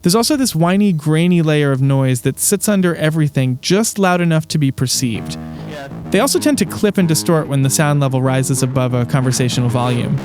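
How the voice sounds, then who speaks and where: A man with a fairly high, dry, close-miked voice hosts a tech video. He delivers scripted narration in a wry, conversational way, with some music behind him. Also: brisk. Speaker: host and reviewer. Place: small soundproofed closet.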